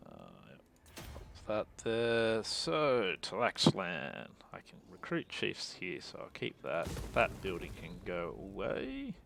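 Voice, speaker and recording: A male game streamer talks through his turns in a relaxed, muttering way, thinking out loud as he goes. His voice is low and gravelly with a lot of fry, and it drops into quiet asides under his breath. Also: slow, a little hiss or hum. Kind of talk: casual strategy game commentary.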